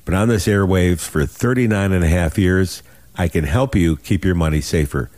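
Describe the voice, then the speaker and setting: Low-voiced older man pitching on financial radio. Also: normal speed, a little mellow, no echo. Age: 60s. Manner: urgent, folksy, emphatic, repeats himself. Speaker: financial radio show host. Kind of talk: radio sales pitch talk.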